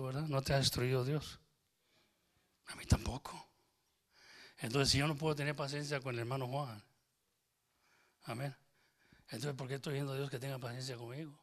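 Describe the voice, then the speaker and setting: Gravelly bilingual preacher man. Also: mid-range voice, a bit bright. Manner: switches into English phrases, jokes with congregation. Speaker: pastor. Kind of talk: informal sermon.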